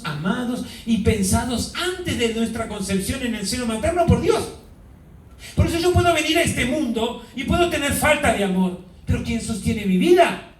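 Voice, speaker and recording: A man preaching a sermon as a priest, questioning the congregation and stretching out key words. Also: very high-pitched. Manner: asks the congregation questions, drawn-out emphasis. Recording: echoey hall, mic far off.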